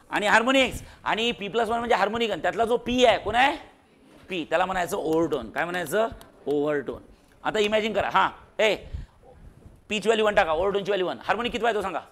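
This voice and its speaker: A man's voice: high voice, fairly bright tone. A man teaching a physics class in a classroom, quizzing and teasing his students with jokes. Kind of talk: classroom lecture.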